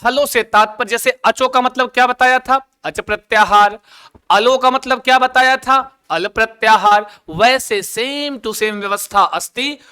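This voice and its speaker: A high, bright male voice leads an exam coaching class in a playful, teasing way. He keeps asking his students questions and answers them himself. His tone is smooth and clear. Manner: chants an opening prayer slowly. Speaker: Sanskrit teacher. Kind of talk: online exam coaching lesson.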